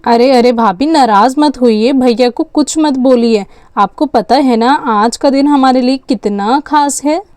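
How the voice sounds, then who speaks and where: A woman's voice: high voice, measured pace, darkish tone, no echo, studio quality. A woman voicing a chatty young aunt in a doll story, eager and persuasive. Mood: coaxing. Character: young sister-in-law aunt, chatty and bossy. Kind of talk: storytelling with dolls.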